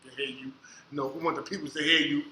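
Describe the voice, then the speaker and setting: Loud joking high-voiced male podcast host. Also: fairly even intonation, quick pace, echoey room, a little hiss or hum, rough recording. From United States. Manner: loud, joking, slangy banter. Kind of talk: casual podcast interview.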